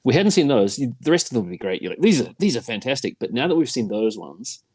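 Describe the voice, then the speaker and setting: A man's voice: medium pitch, fast, slightly rough, dry recording. A man, a guest chatting casually on a podcast and telling jokey stories. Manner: jokey, animated storyteller.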